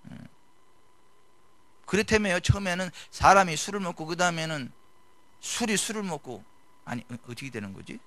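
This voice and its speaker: A middle-aged man preaching a sermon in a conversational style, swinging from loud to hushed. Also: high voice, no echo. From South Korea. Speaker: pastor.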